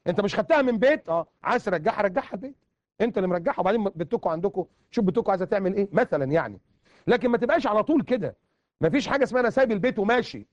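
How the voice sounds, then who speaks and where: A man with an Egyptian accent delivers a sermon at a breakneck pace in a fairly high voice, hammering points home with repeated words. The recording is dull and lo-fi but dry, with no room sound. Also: lively intonation, very fast, no room sound. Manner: emphatic, repeats words for stress. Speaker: preacher. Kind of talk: colloquial sermon.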